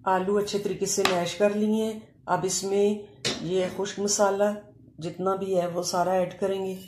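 A woman hosting a home cooking channel, calmly explaining each step of a recipe with short pauses. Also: mid-range voice. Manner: calm, step-by-step explaining with Urdu-flavoured words and short pauses. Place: home kitchen, echoey room. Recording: echoey room with faint ambient noise.

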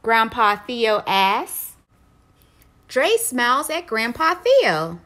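Narrating a children's story, a woman reads slowly and deliberately with clear expression. Her voice is fairly high, with a lively melody.

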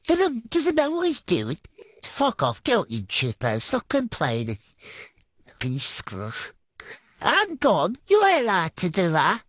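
This British gamer, heard via a trickster filter that shifts his pitch, curses and fumes while commentating on his own football match. The pitch leaps enormously, he talks a little slowly, and the studio-quality audio sounds slightly bright with no room sound.

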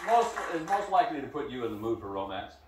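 A man's voice: mid-range voice, sing-song, fast talker, heavy background noise. Echoey, distant game show host, man. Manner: jokey, laughs often. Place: TV studio. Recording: echoey studio picked up from a distance.

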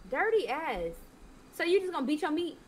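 A woman's voice: sits high, big pitch swings, moderate pace, low-quality recording. A woman playing a nagging, foul-mouthed mother who scolds her teenage son over and over in an improvised game role-play. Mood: disgusted, scolding.

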